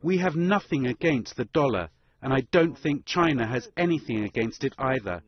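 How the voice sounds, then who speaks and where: A man giving a translation voice-over as an interpreter, speaking in a measured, formal way. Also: medium pitch, lively intonation. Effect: translation voice-over for a foreign speaker. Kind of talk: simultaneous interpretation. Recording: dull lo-fi broadcast clip.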